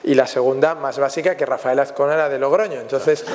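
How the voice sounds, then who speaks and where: A Spanish film director fields questions at a festival press conference, reflectively recounting anecdotes and often adding tag questions. He speaks quickly at a medium pitch in a steady tone, and the press room carries a long hall reverb.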